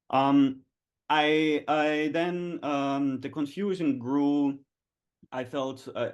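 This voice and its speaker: A man in his thirties from Austria, telling a personal story slowly and haltingly, with many pauses and restarts, over an online call. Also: mid-range voice, darkish tone. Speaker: photographer, guest. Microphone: online video call.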